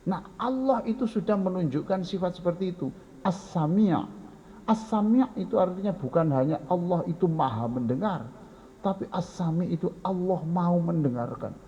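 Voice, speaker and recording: Javanese-accented guy giving a sermon, kinda high gravelly voice, talks straight to the crowd, muffled lo-fi recording. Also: expressive, moderate pace, mellow, a little hiss or hum. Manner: folksy, mixes in Javanese phrases and addresses listeners directly. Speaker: Islamic preacher.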